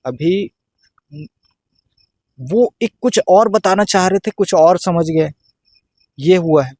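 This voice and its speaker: Male panelist, mid pitch, dry close sound, measured and halting explanations. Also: lively intonation, darkish tone, no echo. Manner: hesitant, restarting, explanatory. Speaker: panel guest. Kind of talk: discussion commentary.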